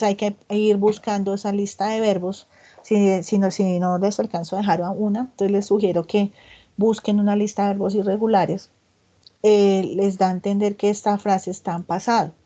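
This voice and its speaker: Female English tutor lecturing over a video call, soft mellow tone, slightly lo-fi audio, patient and stepwise, reads examples slowly. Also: mid-range voice, steady tone. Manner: explains step by step, often checks in with "¿listo?". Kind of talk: online class lecture.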